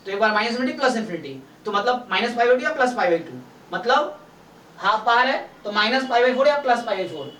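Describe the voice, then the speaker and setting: A man's voice: extremely high pitch, expressive, a little fast, sharp tone. Distant, roomy-sounding man teaching maths. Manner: explains step by step in Hindi-English mix, checks understanding with questions. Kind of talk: doubt-clearing online class. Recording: roomy, distant mic, faint noise.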